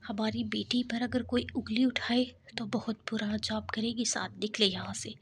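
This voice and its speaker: A woman's voice: fairly high pitch, level tone, a little hiss or hum, natural voice. A woman voicing a stern, formal middle-aged mother in a whispered role-play from a novel reading. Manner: commanding, formal.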